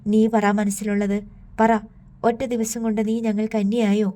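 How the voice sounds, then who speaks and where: A wounded middle-aged mother snaps at her daughter in an audiobook, read by a woman. Her voice is flat and mellow, trembling as she scolds. The hurt sits under every sharp word. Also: mid-range voice, normal speed, natural voice. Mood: upset scolding.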